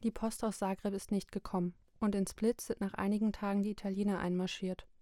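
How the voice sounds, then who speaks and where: A woman narrating a literary book chapter in a slow, measured, even reading. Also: medium pitch, no room sound, clean studio sound. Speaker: audiobook narrator.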